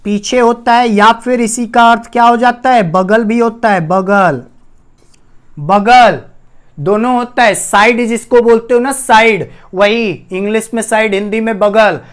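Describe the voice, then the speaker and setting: In a high, somewhat bright voice, a man leads a classroom-style Hindi grammar lesson at a whiteboard. Students are addressed as "bhaiya," the class gets asked questions, and each key term is repeated.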